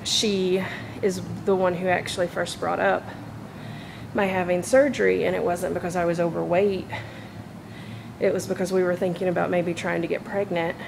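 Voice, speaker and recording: A woman's voice: fairly low pitch, level tone, moderate pace, creaky, background noise. A woman talking casually and chattily to camera while walking laps, sounding slightly tired. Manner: chatty, informal. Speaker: vlogger. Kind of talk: casual personal vlog talk. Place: walking laps, phone recording.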